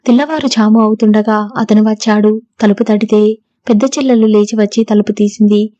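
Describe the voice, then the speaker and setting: A woman narrating a novel in a steady, even storytelling manner. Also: medium pitch, brisk, dry recording, muffled recording. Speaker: audiobook narrator.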